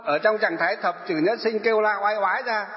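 A Buddhist monk gives a dharma talk to elderly followers, asking them questions and answering them himself. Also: male voice, sits high, brisk. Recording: echoey hall, dull sound.

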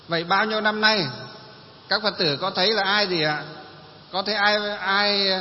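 A male Buddhist preacher delivers a sermon, posing rhetorical questions and answering each one himself. His voice sits a little on the high side and trails off in a long hall reverb. The recording is dull and lo-fi, with a faint hiss underneath.

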